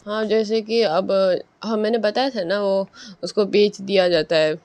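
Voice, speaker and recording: Gravelly male tutor explaining casually. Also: high voice, steady tone, a little mellow, no echo. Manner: reads headings slowly, explains with homely examples, corrects himself. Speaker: teacher. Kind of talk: casual explanation of a textbook chapter. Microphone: own microphone, adjusted while talking.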